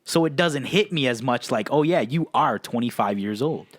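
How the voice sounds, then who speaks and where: A man's voice: mid-range voice, animated, moderate pace, no room sound. Laid-back man in his twenties, dry sound. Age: 20s. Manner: laid-back, laughs often, repeats "that's nuts". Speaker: podcast co-host. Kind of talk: casual chat.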